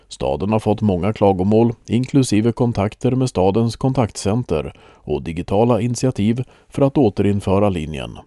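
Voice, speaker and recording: Male news reader, mellow tone, even delivery. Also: lowish voice, dry recording, studio quality. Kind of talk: read news report.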